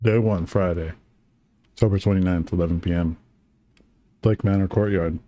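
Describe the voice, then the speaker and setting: A man's voice: sits low, steady tone, moderate pace, dark tone, dry recording. A man casually commenting as he plays a game, chatting and reading its text aloud. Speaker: streamer playing a game. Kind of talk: casual let's-play commentary.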